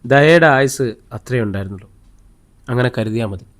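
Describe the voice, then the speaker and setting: A gentle young woman with a soft, soothing way of speaking, voiced by a man reading an audiobook. She has a plain, even, mid-pitched voice. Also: fairly quick, close to an everyday voice.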